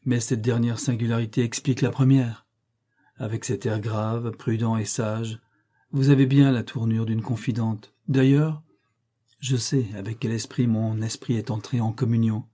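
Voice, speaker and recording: A man reading the lines of a brooding, bitter middle-aged gentleman in a slow, declamatory way. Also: mid-range voice, fairly even intonation, close to an everyday voice. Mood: impassioned.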